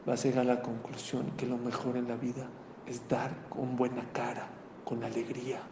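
A rabbi preacher with a medium-pitched voice speaks at a moderate pace, delivering a sermon in an echoey hall with faint noise. Animated and conversational, he tells a story and puts questions to the audience.

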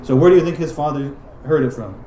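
A man with a warm, higher-pitched voice talks fast as he teaches a religious lesson in a casual, conversational style. His speech is full of "like" and "right?" asides, and the room is roomy and echoing.

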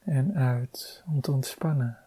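A meditation guide talks very slowly and calmly, leaving long pauses between soft instructions. The voice is warm and mellow. The sound is dry and close, with no room echo. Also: medium pitch, slightly rough.

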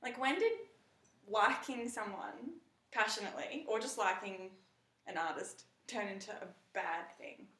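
A woman's voice: mid-range voice, lively intonation, measured pace, sharp tone. A young woman, a podcast co-host chatting casually and ranting about her topic. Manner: chatty, ranting, quotes others in put-on voices. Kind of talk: casual chat. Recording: echoey room, mic at a distance.

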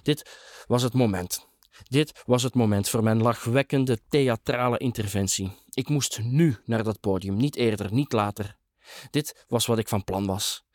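A man's voice: fairly low pitch, no echo, clean studio sound. A middle-aged man narrating a first-person novel in a dramatic, sardonic tone.

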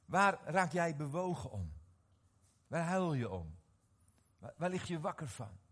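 A middle-aged man preaching a sermon, animated and often questioning his audience, repeating words as he restarts. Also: fairly high pitch, measured pace, slightly rough. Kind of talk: sermon to a live congregation.

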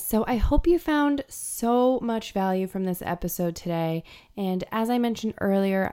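A woman podcast host speaks with a heavy gravelly creak, as if her throat is swollen. She sounds groggy and froggy from a sore throat, yet keeps a warm, chatty hosting style. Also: medium pitch.

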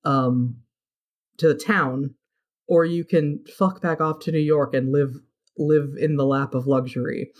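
Animated swearing woman recapping a game. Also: low-pitched, measured pace. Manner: animated, swears freely, acts out characters' lines. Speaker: podcast co-host recapping a game. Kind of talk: casual chat.

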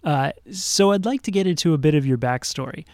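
A man hosting a policy podcast, reading a polite intro and then interviewing a guest in a measured way, with small stumbles. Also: fairly high pitch, darkish tone, no room sound, studio quality. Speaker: podcast host.

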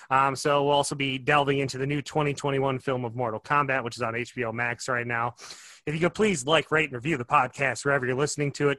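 A man's voice: mid-range voice, sharp tone, no echo. A man hosting a casual film podcast, upbeat and chatty, with plenty of fillers. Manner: upbeat, sing-song greeting, loose with fillers. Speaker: podcast host.

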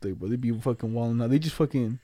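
A man's voice: medium pitch, quick pace, dark tone, no room sound. A young man chatting casually in slangy frat-boy talk, swearing heavily. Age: young adult. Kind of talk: casual chat.

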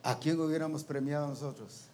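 A man's voice: on the high side, steady tone, a little fast, darkish tone, slight background noise. Man preaching, quizzing his listeners. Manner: colloquial, trailing "pues" and "¿va?". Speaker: preacher teaching a ministers' meeting. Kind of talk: interactive sermon.

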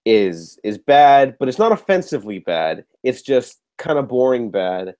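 Still a little nasal as he recovers from a cold, this podcast host chats about movies and swears in a relaxed way. His voice is medium-pitched, darkish and sing-song, and his pace is measured.

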